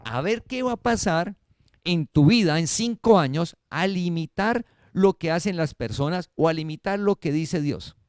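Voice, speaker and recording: Lively-pitched preaching man. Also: unhurried, clean tone, no echo, studio quality. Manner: preaching with rhetorical questions, swings between loud and soft. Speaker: pastor. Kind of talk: sermon. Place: church service streamed online.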